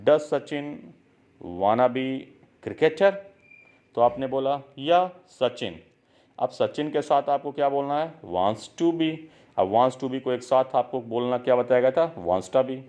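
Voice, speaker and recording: An Indian man gives a spoken English lesson, mixing Hindi with English phrases. He talks very slowly and has learners repeat set phrases again and again. His pitch sits in a middle range for a man. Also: a little mellow. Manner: slow, drilling, asks learners to repeat.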